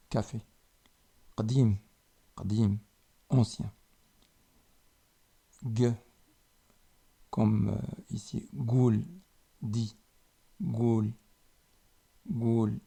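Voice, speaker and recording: Man, teacher, very slow, husky, repeats words patiently. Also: mid-range voice, darkish tone. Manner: slow and deliberate, repeating each word with pauses. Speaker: language teacher. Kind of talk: slow spoken lesson.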